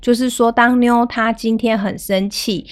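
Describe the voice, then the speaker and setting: A woman in her thirties hosting a parenting podcast, retelling a family story in a calm, gentle way. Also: fairly high pitch, measured pace.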